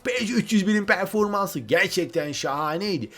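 A man giving excited gameplay commentary, often repeating words in bursts and talking straight to his viewers. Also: high voice, normal speed. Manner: excitable, repeats words when thrilled, addresses viewers as friends.

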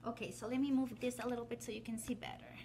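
A woman's voice: on the high side, steady tone, rapid-fire, gravelly, noisy background. A woman, chatting casually as she shows a cooking technique in her home kitchen, rambling, full of fillers and self-corrections. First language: Spanish. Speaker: home cooking channel host. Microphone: phone or camera set up on the counter, framed from the waist up.

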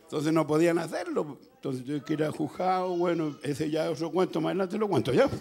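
A male pastor with a Chilean Spanish accent preaching a sermon through a personal story, going from hushed telling to loud shouting. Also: a little high, animated, fairly quick, creaky.

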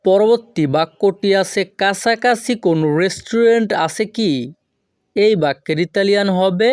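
A man giving a scripted language lesson, saying example phrases slowly and repeating them piece by piece. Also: high-pitched, darkish tone, smooth, no echo, studio quality. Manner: slow, syllable-by-syllable repetition of example phrases. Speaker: language teacher.

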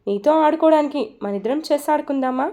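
A playful, clingy little girl from a storybook, eager and pleading, as a woman puts her on. The voice sits high and carries a mellow warmth. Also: fast, natural voice.

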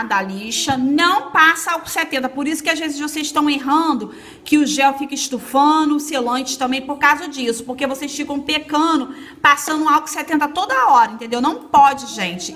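On a phone camera at a salon table, a woman from Brazil who teaches nail technique walks viewers through a hands-on tutorial. Her voice is high, pushed and bright at a normal speed, and she keeps it chatty and reassuring, addressing her audience as girls and friends.

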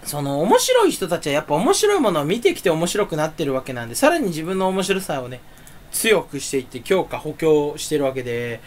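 Casual solo chatter, male, rambling and self-deprecating, pitch leaps all over. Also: sing-song, a little fast. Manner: rambling, self-mocking, swings pitch up suddenly. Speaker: streamer.

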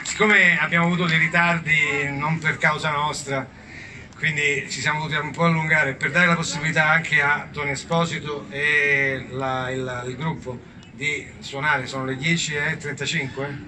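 A man's voice: a little high, little pitch movement, normal speed, noisy background. Comic man mock-solemnly telling a story. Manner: mock-solemn narration with crude asides. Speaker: comedian. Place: outdoor evening event with a crowd. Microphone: handheld stage mic, filmed on a phone. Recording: phone video of an outdoor stage with music.

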